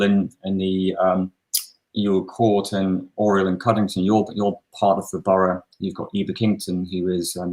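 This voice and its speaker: A man from Newcastle upon Tyne with a faint Geordie accent, a local councillor talking over a video call, halting with many fillers and restarts. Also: low voice, poor audio. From Newcastle upon Tyne, England.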